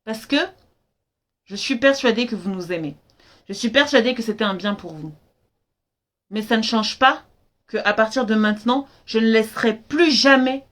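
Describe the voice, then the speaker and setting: A young woman life coach speaking earnestly and emphatically in a live stream talk, often repeating lines for weight. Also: a little high. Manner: earnest, emphatic, acts out her parents' lines in dialogue.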